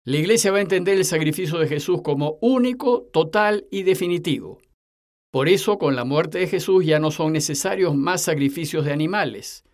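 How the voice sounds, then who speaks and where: A man's voice: on the high side, moderate pace, darkish tone. Man preaching a structured homily. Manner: structured, explanatory delivery. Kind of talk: homily on the day's Gospel.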